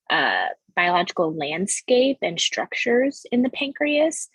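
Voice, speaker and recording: A woman's voice: fairly low pitch, a bit bright, husky, dry recording, poor audio. A woman speaking politely and explaining her work as a PhD-student panelist on a video call. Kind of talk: online panel talk.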